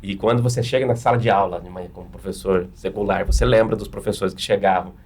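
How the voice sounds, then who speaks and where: Brazilian pastor guy, quick talker, lays out practical tips step by step. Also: sits low, steady tone, a little mellow. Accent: Brazilian Portuguese. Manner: explains step by step with practical examples. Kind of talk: teaching in a panel discussion.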